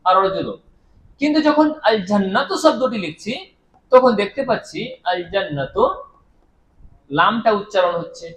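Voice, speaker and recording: High-voiced male teacher, echoey classroom. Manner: repeats key terms and quizzes the class with questions he then answers; drawn-out, deliberate pronunciation of example words. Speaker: Arabic grammar teacher. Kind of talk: classroom lecture. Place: madrasah classroom. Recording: echoey room.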